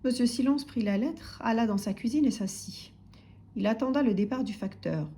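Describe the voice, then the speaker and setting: A woman narrating a children's story aloud in an expressive, soft-spoken way, sometimes dropping to a whisper. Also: fairly high pitch, normal speed.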